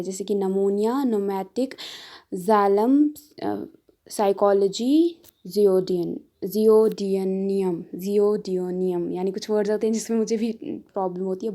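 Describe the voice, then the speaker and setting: A woman teaching an exam-prep lesson, patiently explaining and repeating example words slowly. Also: medium pitch, warm tone. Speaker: tutor.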